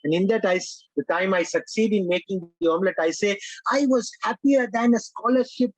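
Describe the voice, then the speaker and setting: A Sri Lankan man whose first language is Sinhala or Tamil leads an online speech-writing workshop in second-language English. His high-pitched voice moves a little fast, animated and emphatic, often addressing the audience directly and repeating "my dear friends." The recording is rough but has no room sound.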